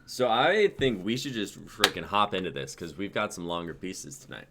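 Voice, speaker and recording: Speaking at normal speed in a low, sing-song voice, this man in his twenties hosts a script-reading livestream. His manner is casual, hyped and full of cursing, and the home audio is noisy.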